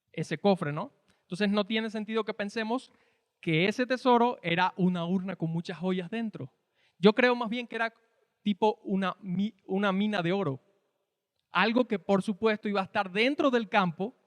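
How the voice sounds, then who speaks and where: High-voiced Cuban preacher. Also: male voice, no room sound, big-room sound. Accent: Cuban Spanish. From Cuba. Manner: explanatory, conversational, rhetorical questions. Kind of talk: sermon teaching.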